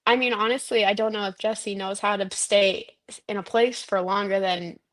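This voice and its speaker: A woman's voice: mid-range voice, fairly even intonation, normal speed. A woman from Virginia, a guest in casual chat, talking in long rambling runs with many fillers.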